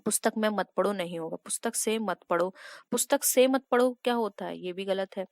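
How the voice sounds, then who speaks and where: A woman's voice: medium pitch, fairly even intonation, fairly quick, gravelly, no room sound, studio quality. A woman teaching an exam prep lesson, walking step by step through multiple-choice answers and addressing viewers as friends.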